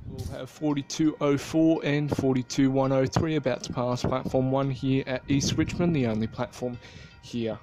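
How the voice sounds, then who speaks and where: A man's voice: steady tone, moderate pace. A man gives train-spotting vlog commentary from an open-air platform, calling services and stops like an announcer. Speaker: transport vlogger. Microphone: handheld camera, operator behind it. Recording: noisy outdoor recording, train rumble.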